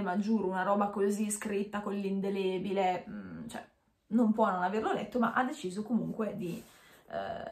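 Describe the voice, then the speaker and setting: A woman's voice: medium pitch, darkish tone, slight background noise. Echoey-room woman vlogger talking with a retainer in. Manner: wearing a dental retainer while talking; chatty, hesitant, with self-corrections. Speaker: beauty vlogger. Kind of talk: casual chat unboxing to camera. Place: small indoor room with bare walls.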